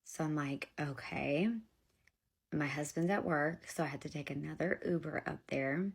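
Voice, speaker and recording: A woman's voice: low voice, moderate pace, breathy edge. A young woman casually telling her own story to camera, acting out what others said and dropping to whispers at tense moments. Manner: animated retelling, acting out dialogue, drops to whispers.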